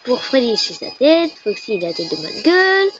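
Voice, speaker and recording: A woman giving casual, chatty and playful commentary while playing a game, with sudden excited squeals. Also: a little high, unhurried, husky, soft background music. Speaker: gamer. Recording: dull lo-fi recording with faint noise.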